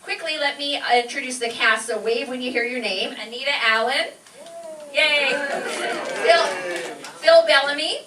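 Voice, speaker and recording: With a crowd audible behind her, an American class instructor speaks in a high voice at a moderate pace, warmly and informally welcoming an audience before a show. Her manner is effusive and enthusiastic. The recording, made in a live event room at a community learning center, is roomy, with a distant mic and background noise.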